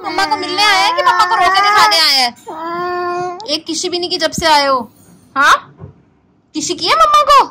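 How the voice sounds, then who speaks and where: High-pitched woman vlogger coaxing a child. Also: animated, moderate pace, long pauses, pushed and bright, slight background noise. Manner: fussing, coaxing a crying toddler. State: unwell. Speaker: vlogger, mother. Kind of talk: casual family vlog chat.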